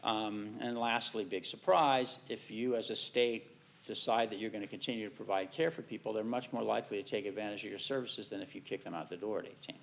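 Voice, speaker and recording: A middle-aged American man, a researcher giving a conference talk, measured in tone with dry asides. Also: fairly low pitch, fairly even intonation, gravelly. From United States. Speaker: researcher presenting findings.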